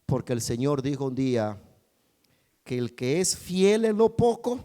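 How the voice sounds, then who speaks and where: A male pastor preaching a sermon, telling a story in an animated way with big swings in pitch and loudness. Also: measured pace.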